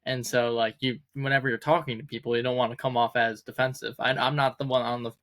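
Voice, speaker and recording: A man's voice: mid-range voice, flat delivery, fast, a bit bright. A man co-hosting a casual business chat, speaking hesitantly with many fillers and restarts. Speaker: podcast co-host.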